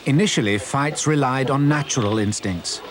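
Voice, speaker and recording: Male narrator for a nature documentary: mid-pitched, measured and serious, with loud animal and outdoor sound behind the voice. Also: very noisy.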